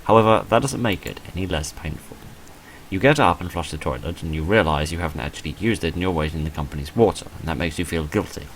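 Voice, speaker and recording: This video creator speaks fast in a low register while playing a visual novel, reading the game text aloud and tossing in dry jokes at his own expense. The recording is rough, carrying a little hiss or hum.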